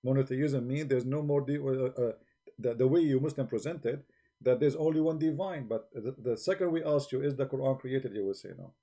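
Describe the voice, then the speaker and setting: A livestream host with a mid-range, mellow voice speaks briskly into a desk microphone. His argumentative talk is challenging and blunt, delivered in broken English.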